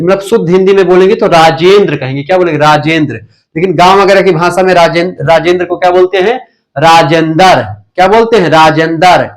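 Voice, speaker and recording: Hindi teacher drilling a live class. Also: male voice, high voice. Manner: drilling, asks questions then answers them himself. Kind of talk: live online revision class.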